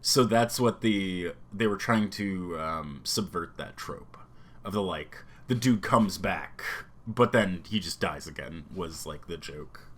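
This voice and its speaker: A man's voice: deep voice, takes it slowly, a bit bright, slight background noise. A man co-hosting a podcast, rambling casually with lots of fillers and trailing off. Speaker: podcast co-host. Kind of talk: casual chat.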